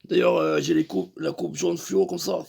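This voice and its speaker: A man's voice: on the high side, fairly even intonation, normal speed, creaky, darkish tone, breathy edge. A young man telling a crude, rambling comic story full of fillers. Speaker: comedian.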